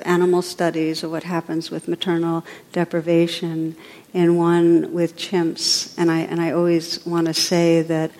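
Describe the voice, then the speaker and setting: A woman leads a spiritual talk in a low voice that stays level and unhurried, rarely rising or falling. Her soft, reflective phrasing rings out with a long reverb, as if she is speaking in a large hall. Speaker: meditation teacher. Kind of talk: spiritual talk with guided meditation.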